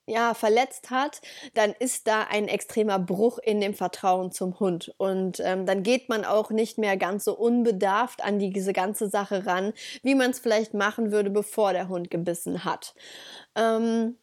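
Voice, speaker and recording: A woman hosts a casual dog-training podcast. She talks straight to her listeners, direct and lively, with a voice of ordinary middle pitch for a woman. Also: a little slow.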